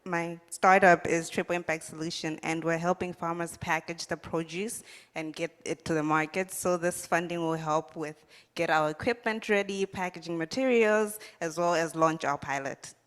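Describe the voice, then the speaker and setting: Smooth-voiced woman from Malawi. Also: fairly low pitch, fairly even intonation, normal speed, big-room sound. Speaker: student founder.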